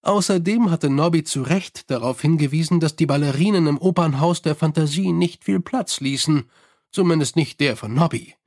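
A man narrating a comic fantasy audiobook in a measured, wry storytelling manner. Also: on the high side, a little mellow. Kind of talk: scripted narration.

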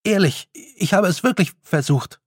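A man's voice: high voice, expressive, measured pace, slightly rough, dry recording, clean studio sound, pitched above the performer's own voice, exaggerated voice. A man voicing a nervous young nobleman's son in an audiobook, stammering in a flustered, slightly raised voice. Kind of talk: audiobook character voice.

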